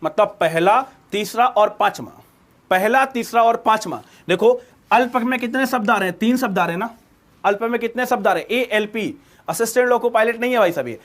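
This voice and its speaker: A man's voice: high-pitched, fairly quick, a bit bright. A man teaching an exam-prep grammar lesson, drilling students by asking a question and then repeating the answer.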